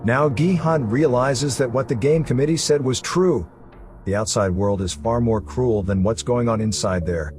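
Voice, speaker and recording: Over background music, a man with a mid-range voice narrates a scripted story recap at a normal speed.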